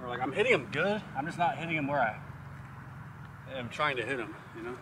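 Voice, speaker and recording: Lively man golfing, far from the mic. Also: mid-range voice, brisk. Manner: relaxed, swears casually, talks through his shots. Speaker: golf vlogger. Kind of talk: casual chat while golfing. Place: outdoor golf course. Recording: distant mic with loud outdoor noise.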